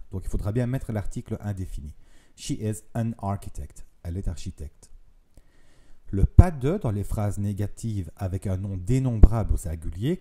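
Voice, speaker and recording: A man, patiently explaining grammar in a video lesson, slowing down to spell out each example. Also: lowish voice, dark tone, breathy edge. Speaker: language teacher.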